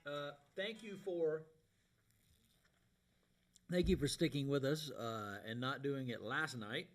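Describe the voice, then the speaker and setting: A man's voice: mid-range voice, takes it slowly. A man hosting a live music show with casual, folksy, colloquial chat, heard in an echoey warehouse. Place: warehouse space. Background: guitar playing.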